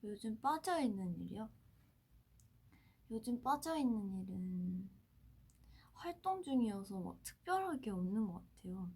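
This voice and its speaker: A woman in her twenties hosting a casual livestream, chatting playfully with fans and often dropping to a hushed tone. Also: mid-range voice, very animated, a little slow, pauses often, husky. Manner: playful, often drops to a soft hush. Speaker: idol livestream host. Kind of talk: casual livestream chat, answering fan comments.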